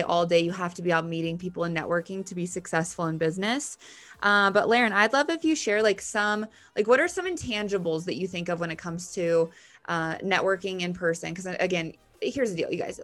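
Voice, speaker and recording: A woman's voice: medium pitch, fairly bright tone. Woman chatting casually from a bathroom. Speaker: podcast co-host. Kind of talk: casual podcast chat. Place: bathroom at home.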